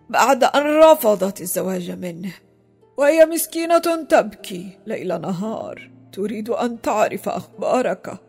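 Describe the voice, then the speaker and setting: A woman voicing a kindly, loyal old male servant in a children's audio drama, often talking in a hush. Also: sits high. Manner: fearful at first, later hushed and secretive.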